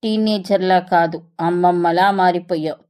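A woman's voice: fairly low pitch, fairly even intonation, normal speed, darkish tone, clean tone, lightly acted. Woman reading as a sarcastic sulking husband. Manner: sarcastic, curt. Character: sulking irritated young husband. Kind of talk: audiobook story reading.

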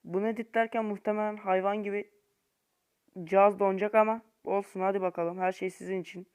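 A young man giving casual gameplay commentary to viewers in an informal, slangy way, swinging between low muttering and frustrated shouting. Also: little pitch movement, brisk, clear, resonant tone. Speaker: gaming YouTuber.

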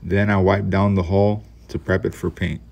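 A gravelly, darkish, low-pitched male voice delivers flat, moderately paced narration. The middle-aged speaker plainly recounts building his own boat in a casual voice-over, with a touch of humor at his own errors.

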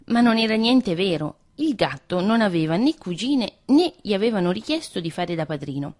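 A woman reading a fairy tale aloud as a radio storyteller, in an expressive, lilting manner. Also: medium pitch, normal speed.

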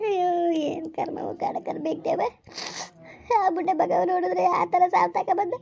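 A woman's voice: sits high, little pitch movement, a little fast, a little mellow. A woman acting a grieving village wife who laments her fate through tears. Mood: tearful lament. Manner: wailing laments, tearful. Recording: dull lo-fi sound.

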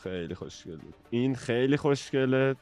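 A man's voice: medium pitch, soft background music. Joking male mobile gaming streamer. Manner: lively, joking, addresses viewers directly. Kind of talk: casual gaming commentary with a friend.

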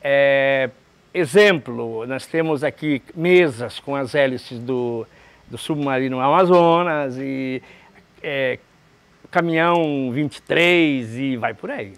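A Brazilian man, a restaurant owner in his fifties, answering interview questions in a halting way with many restarts, recorded indoors in a large restaurant. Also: medium pitch. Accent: Brazilian Portuguese. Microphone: camera close framing, seated.

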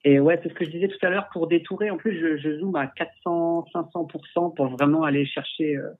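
Speaking through a headset, a photographer from France answers his livestream viewers' questions, hesitating and restarting often. He has a fairly high, steady voice and talks fairly quickly, and the call audio comes across husky and tinny.

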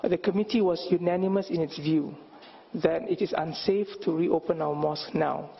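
Man with a gravelly voice at a press conference. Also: fairly high pitch, normal speed, lo-fi sound. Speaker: religious leader. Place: indoor press conference room. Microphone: stand microphone.

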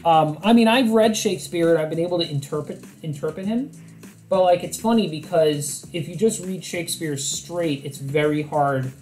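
A man's voice: fairly high pitch, moderate pace, a little mellow, faint music behind. A man hosting a live poetry stream, chatting casually and rambling with frequent restarts and self-corrections.

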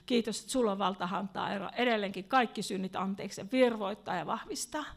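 A woman's voice: medium pitch, creaky. A middle-aged woman preacher leading an altar call and fervent prayer in a church meeting, breaking into speaking in tongues.

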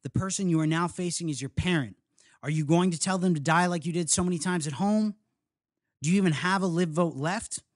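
A man's voice: on the high side, a little fast, no room sound, clean studio sound, pitched above the performer's own voice, natural voice. A man reading aloud the lines of a harsh woman camp leader who berates the kids without letup. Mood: berating. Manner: berating, relentless.

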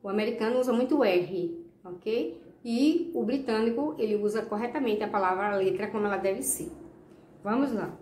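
A woman teaching English to children, a Portuguese speaker who explains slowly and patiently, repeating words and checking with "ok?". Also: medium pitch, darkish tone, echoey room. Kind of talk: recorded classroom lesson.

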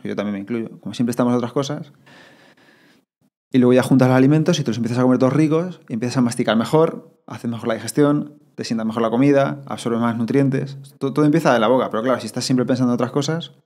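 A man with a Spain Spanish accent, talking casually as a podcast guest and acting out his own thoughts. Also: mid-range voice. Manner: fast, animated, acts out inner thoughts in quotes.

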